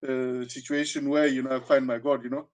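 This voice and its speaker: Born in South Africa and now from Zambia, a sixty-year-old karate teacher with a southern African accent reflects in conversation as an interview guest. His medium-pitched voice has little pitch movement, and his delivery is halting, full of repetitions and "you know".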